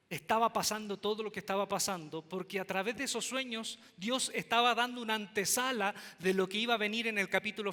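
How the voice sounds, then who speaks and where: A Mexican-accented pastor preaches with a high, bright voice, animated and full of jokes. He tells stories to his congregation. The sound carries the long reverb of a large church hall. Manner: animated, joking storyteller. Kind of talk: sermon. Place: church auditorium.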